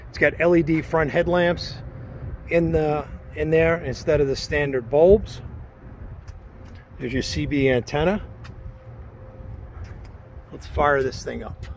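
This walkaround sales commentary comes from a man with a slightly high voice who speaks slowly and pauses often. He stays off camera, listing the vehicle's points in short, matter-of-fact phrases. It was captured outdoors in an open parking lot on a handheld camera or phone, with outdoor noise.

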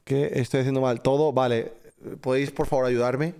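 A man doing live gameplay commentary, excitable, swearing and shouting at the game while talking to his chat. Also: mid-range voice, a little fast, clean tone. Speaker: streamer. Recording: game music behind the voice.

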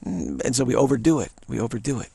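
This older man is a spiritual teacher whose rambling talk, recorded by an action camera, stalls, repeats itself and is punctuated by chuckles. He speaks at a medium pitch in a creaky, dark voice with a breathy edge.

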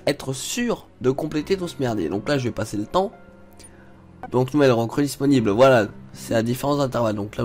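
Chatty young man narrating gameplay. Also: mid-range voice. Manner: chatty, explains menus as he clicks, frequent fillers. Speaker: gaming video host. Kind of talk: casual let's play commentary.

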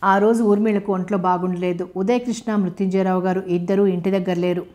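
Woman narrating a novel in an even voice. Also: medium pitch, a little fast. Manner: steady, even storytelling. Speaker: audiobook narrator.

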